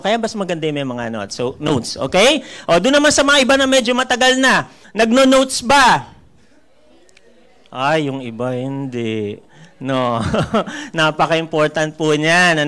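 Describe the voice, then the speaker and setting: Filipino man, high voice, mentor working a live seminar room, animated and teasing. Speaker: network marketing mentor. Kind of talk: live seminar talk to an audience.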